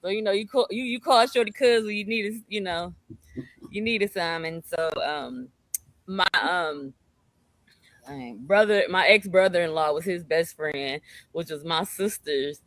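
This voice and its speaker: A woman with a bright, forward voice tells a personal story in a relaxed conversation. She is lively and expressive, and she acts out what people said as she talks. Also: on the low side, unhurried, no room sound. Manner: expressive, animated storyteller who acts out quotes. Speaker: guest sharing her family story.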